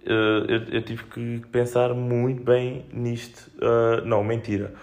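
A man's voice: medium pitch, completely flat delivery, a little slow, a little mellow. A young man with a European Portuguese accent, chatting casually on his own in a slangy, sweary, joking way, telling rambling anecdotes as a podcast host.

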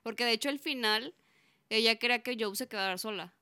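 A woman's voice: on the high side, brisk, pushed and bright, smooth, no room sound, clean studio sound. A young woman with a Mexican accent, co-hosting a podcast in chatty, giggly casual conversation. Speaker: podcast co-host. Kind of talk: casual chat.

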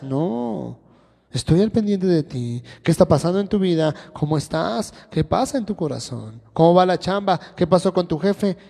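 A man's voice: on the high side, mellow. A man teaching a sermon to a congregation, firing rhetorical questions at them one after another. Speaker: church teacher. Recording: long reverb of a church hall.

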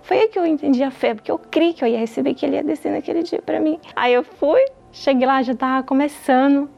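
A woman's voice: high-pitched, a little fast, gravelly, lo-fi sound. A woman, a nurse, telling her personal faith testimony in an earnest storytelling way, acting out the lines of the people she quotes.

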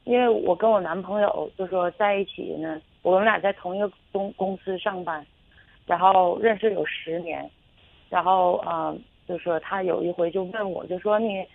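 A woman's voice: lowish voice, moderate pace, vocal fry, dry recording. A woman calling in to a radio show, telling a personal story in a hesitant, rambling way full of fillers and restarts. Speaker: caller. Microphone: telephone. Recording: tinny phone line.

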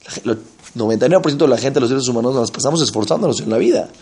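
A man giving an animated sermon, telling stories and asking the audience rhetorical questions. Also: medium pitch, rapid-fire, slightly rough. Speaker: religious teacher.

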